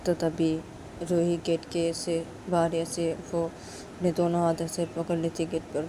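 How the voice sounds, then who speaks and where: A woman's voice: on the low side, completely flat delivery, unhurried, background noise. A woman casually retelling a romance story in a loose, rambling way, with many repeated fillers.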